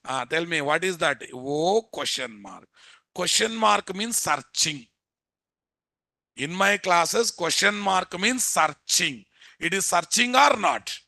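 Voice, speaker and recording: A man's voice: sits high, animated, slow pace, vocal fry, bright, forceful tone, no echo, studio quality. A man with an Indian Telugu accent giving a live programming lecture as an instructor, repeating phrases and constantly quizzing his listeners.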